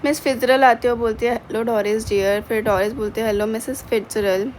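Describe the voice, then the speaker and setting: A woman's voice: a little high, steady tone, a little fast, darkish tone, slight background noise, rough recording. A woman teacher explaining a play to students, reading English lines and explaining them in Hindi.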